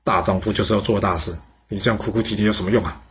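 A man's voice: lowish voice, steady tone, rapid-fire, husky. A man voicing a scheming male minister who talks in an offhand, dismissive way. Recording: dull lo-fi sound.

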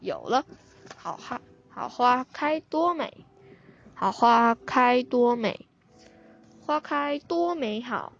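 A woman voicing a lively, playful little boy in a children's storybook reading. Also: sits high, highs cut off, full character voice.

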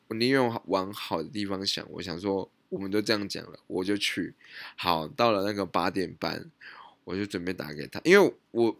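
A man's voice: fairly low pitch, no echo. A man with a Taiwanese Mandarin accent hosting a podcast, telling a personal story in a hesitant way with many restarts. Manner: hesitant, lots of restarts and self-questioning. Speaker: podcast host. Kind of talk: casual solo storytelling.

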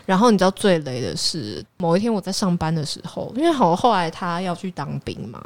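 A young woman with a Taiwanese Mandarin accent who tells a story in a lively, exasperated way on a casual chat show. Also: fairly low pitch, a little fast. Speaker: podcast co-host.

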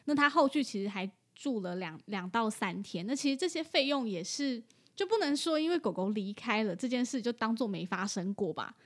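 A woman's voice: fairly high pitch, lively intonation, fairly quick. A woman who works at an animal hospital, telling a story in a casual chat and laughing often.

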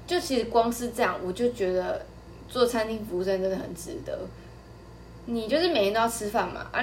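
A woman's voice: medium pitch, a little hiss or hum. A young woman from Taiwan, hosting a podcast and chatting casually, telling a story and acting out the customers' lines. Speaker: podcast host.

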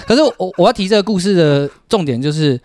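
A man tells a story on a podcast, his pitch jumping around as he goes. He talks fast and laughs a lot between sentences. The sound is close and dry, with no room echo. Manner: animated storyteller who laughs often. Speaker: podcast host. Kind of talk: casual podcast chat.

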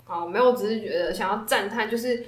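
A woman's voice: medium pitch, fast, reverberant. Teasing woman co-host. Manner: teasing, laughs easily, sums up topics. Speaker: podcast co-host. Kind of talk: casual chat.

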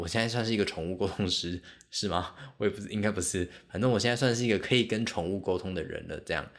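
Podcast host, male, very low voice, animated and self-mocking solo storyteller.

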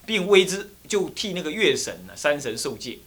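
Animated storytelling Buddhist monk. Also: male voice, on the high side, moderate pace, breathy edge. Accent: Taiwanese Mandarin. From Taiwan. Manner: animated, laughing, acts out characters and sound effects. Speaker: Buddhist monk, temple abbot. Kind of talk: storytelling dharma lecture.

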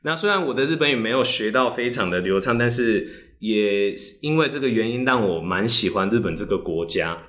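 Chatty Taiwanese-accented man. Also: fairly low pitch. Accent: Taiwanese Mandarin. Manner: lively and chatty, quick to react and tease. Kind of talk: casual podcast chat.

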